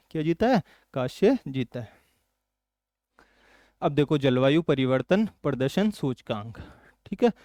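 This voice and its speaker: Man, exam-prep lesson, quizzing then answering low, fairly high voice, smooth and clear, dry close mic. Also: no room sound. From Rajasthan, India. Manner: quizzes students with quick questions, then answers in a low, softer voice. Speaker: teacher.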